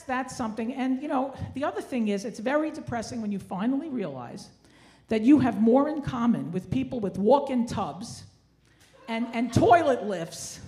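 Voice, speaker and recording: Woman in her sixties, stand-up comedian, slightly high voice, wry self-deprecating griping, Yiddish-inflected kvetching, noisy live stage recording. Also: darkish tone. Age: 60s. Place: theatre stage, indoors. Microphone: handheld stage microphone. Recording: live stage ambience with clear noise.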